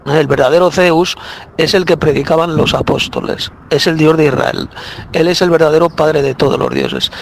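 A man with a somewhat high voice preaches a Bible lesson, pressing his point again and again with many hesitant fillers. A faint hum of background noise sits under his voice. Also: steady tone, moderate pace, vocal fry. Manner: insistent, repeats points, frequent "eh" fillers. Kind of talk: spoken Bible teaching.

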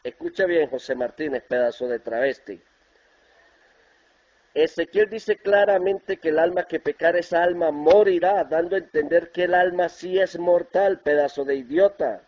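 A Colombian man with a slightly high voice delivers a heated scripture rebuttal, mixing Bible verses with scornful insults. The audio is muffled and lo-fi, like a reposted video clip. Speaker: religious debater in a video reply.

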